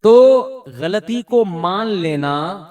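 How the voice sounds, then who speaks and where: Preacher, male, Pakistani Urdu accent, high voice, chatty sermon delivery. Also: animated, darkish tone. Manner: conversational, acts out quoted people. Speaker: Islamic scholar. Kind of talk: religious sermon.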